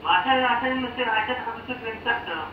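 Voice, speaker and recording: A man's voice: extremely high pitch, lively intonation, rapid-fire. A man answering a call as a pharmacist, heard over a phone line, asking short, polite questions. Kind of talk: casual phone talk. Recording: muffled, echoey phone line from far off with background noise.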